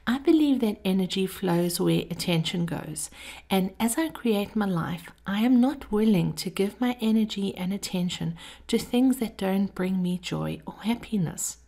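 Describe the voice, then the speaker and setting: Here a podcast host, a woman, works through a prepared motivational monologue. She keeps it measured and intimate, her breathy, mid-range voice slightly mellow and often falling toward a whisper.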